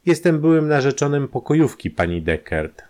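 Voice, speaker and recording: A man's voice: on the high side, big pitch swings, normal speed, a little mellow, pitched above the performer's own voice. A man voicing an insolent young male blackmailer with a cocky, defiant manner.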